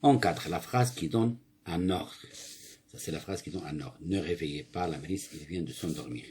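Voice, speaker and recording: Husky-voiced man teaching a grammar lesson. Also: deep voice, moderate pace, a little mellow. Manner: asks questions then answers them himself, corrects slips. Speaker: primary school teacher. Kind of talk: grammar lesson, reading and explaining exercises.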